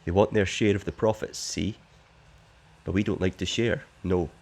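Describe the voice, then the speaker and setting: A man's voice: deep voice, steady tone, moderate pace, vocal fry, darkish tone. A man voicing a shady smuggler boss who offers a secret job, read plainly from the game text.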